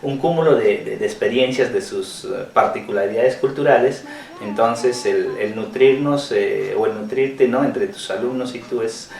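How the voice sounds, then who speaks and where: A man's voice: fairly low pitch, normal speed, vocal fry, darkish tone. A man from Peru interviewing a teacher at her home, hesitant, with many fillers and restarts. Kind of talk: interview questions. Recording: roomy, mic at a distance.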